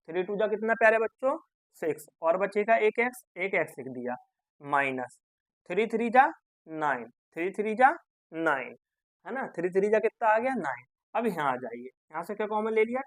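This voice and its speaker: A man's voice: high voice, no echo. A man teaching maths step by step, coaxing his students and asking and answering his own questions. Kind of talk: step-by-step classroom explanation.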